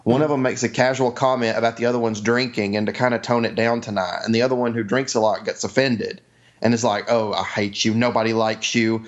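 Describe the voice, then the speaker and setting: A man co-hosting a podcast, chatting excitably about a film with many restarts. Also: medium pitch, dull audio. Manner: excitable, halting, repeats words. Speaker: podcast co-host. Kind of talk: casual chat about films.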